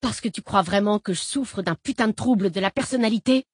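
A woman reading an audiobook voices a defiant, swearing teenage boy who shouts back at a captor. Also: mid-range voice, fairly quick, breathy edge, dry recording, studio quality, pitched above the performer's own voice, lightly acted. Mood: furious.

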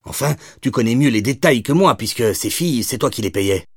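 A man's voice: mid-range voice, expressive, brisk, slightly rough, dry recording, studio quality, pitched above the performer's own voice. A man voicing a blunt, insistent female police detective in an audiobook.

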